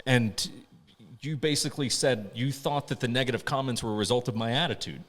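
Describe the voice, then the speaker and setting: A man in a casual podcast chat, animated and teasing, often laughing. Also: medium pitch, fairly quick, big-room sound.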